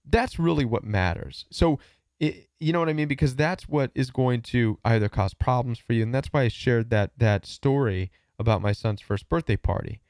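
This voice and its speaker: A man's voice: medium pitch, normal speed, darkish tone, no room sound, studio quality. A man hosting a call-in advice show, talking earnestly with frequent restarts and asides. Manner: earnest, repeats words, asks "you know what I mean?". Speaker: host and coach.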